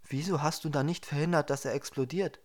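A man's voice: fairly high pitch, fairly even intonation, fairly quick, close to an everyday voice. A man voicing an inquisitive male scientist on a starship, asking earnest questions. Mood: questioning.

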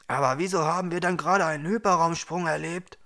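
Man doing a surprised male crewman, loud, raised pitch, confused, astonished. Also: fairly even intonation, takes it slowly, full character voice. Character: confused, surprised male starship crew member.

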